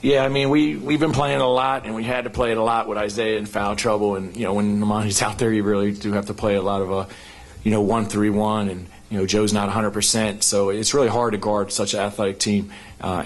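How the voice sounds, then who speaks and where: Speaking rapidly into a stand-mounted table microphone, a middle-aged basketball coach fields questions at an arena press conference in a fairly low voice. His ideas blur together, packed with "you know" and restarts.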